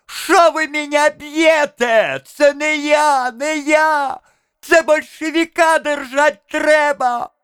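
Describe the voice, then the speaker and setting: A thin shrill tenor. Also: male voice, fairly even intonation, slow pace, a bit bright, heavily acted. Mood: panicked. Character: thin-voiced male tenor, panicky bystander.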